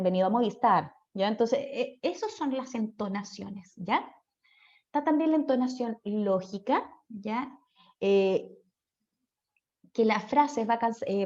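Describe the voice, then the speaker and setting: A woman's voice: mid-range voice, mellow. A woman with a Chilean accent giving a class on speech therapy, chatty and checking in with students through frequent tag questions. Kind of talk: online class lecture. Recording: dull lo-fi audio.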